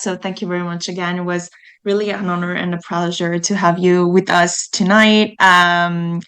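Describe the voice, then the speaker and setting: A woman hosting an online closing session, thanking a speaker and handing over to presenters, with frequent fillers and polite pauses. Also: fairly low pitch, a bit bright, clear, resonant tone.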